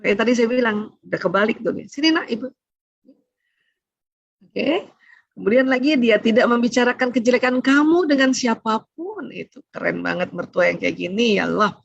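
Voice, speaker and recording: A middle-aged woman giving a lively religious family seminar, acting out quoted mothers-in-law and saying "ya" often. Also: on the high side, brisk, creaky, dry recording. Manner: animated, acts out quoted mothers-in-law, frequent "ya". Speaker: seminar speaker on family relations. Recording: dull lo-fi seminar recording.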